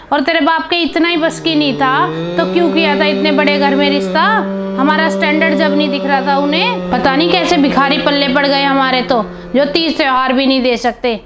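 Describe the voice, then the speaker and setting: A woman's voice: high voice, fairly even intonation, brisk, natural voice. A woman voicing a greedy, scornful middle-aged mother-in-law who scolds and insults her daughter-in-law. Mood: angry. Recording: piano music behind.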